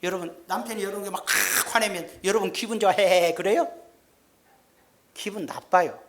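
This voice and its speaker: A man's voice: sits high, normal speed. A middle-aged male pastor preaching a sermon in a folksy, joking way, acting out little everyday scenes. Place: church sanctuary. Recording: echoey church sound.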